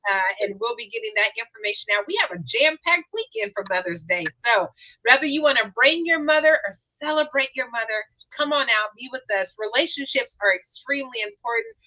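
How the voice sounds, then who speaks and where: A woman's voice: fairly high pitch, lively intonation, brisk, sharp tone, highs cut off, slight background noise. A woman hosting a live talk show, upbeat and promotional, thanking her guests. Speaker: host and founder of the show.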